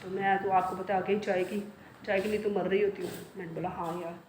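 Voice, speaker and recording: A woman's voice: mid-range voice, level tone, fairly quick, darkish tone. A middle-aged woman vlogging from home, telling a long rambling story straight to her viewers and repeating herself as she goes. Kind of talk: casual chatty storytelling to viewers. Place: home, indoors. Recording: echoey room with clear background noise.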